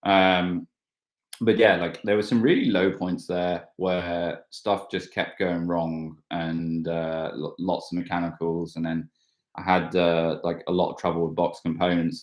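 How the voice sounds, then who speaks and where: A man in his thirties, a mountain bike racer, chatting casually on a live stream and rambling with many fillers and restarts. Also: low-pitched. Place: at home, washing outside in the rain. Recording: roomy echo.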